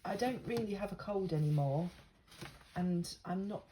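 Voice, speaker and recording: This older woman, whose voice is on the low side and moves at a normal speed, is congested from a lingering cold as she chats over her crafts. She rambles and makes self-deprecating remarks in a casual tutorial at an indoor craft table. The overhead camera above the craft mat picks up some background noise.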